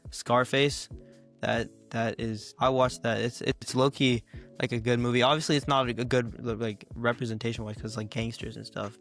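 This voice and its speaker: A man from Memphis hosting a podcast interview, chatting in a rambling, slangy way with a slightly hoarse throat. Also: medium pitch, fairly bright tone. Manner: rambling, slangy, many restarts. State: hoarse, cough. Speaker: podcast host. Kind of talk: casual interview chat.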